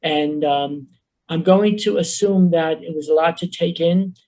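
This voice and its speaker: A man with a Bronx accent giving an earnest, fast-paced webinar talk as a social worker over a video call. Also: on the high side, fairly even intonation, warm tone, low-quality recording. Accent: New York Bronx.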